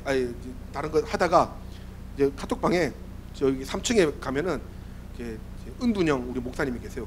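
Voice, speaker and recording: A man in his forties delivers a youth sermon in a hoarse, worn voice that sits high. His delivery is lively and questioning, and he keeps asking the listeners whether they agree. His pitch leaps and dips all over the place. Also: slight background noise. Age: 40s. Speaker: youth pastor. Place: church sanctuary.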